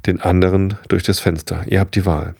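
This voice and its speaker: A man reading the part of a gruff, wrathful old settler farmer who speaks sternly and threateningly. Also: low voice, level tone, fairly quick, a little mellow, no echo, studio quality, full character voice. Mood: angry.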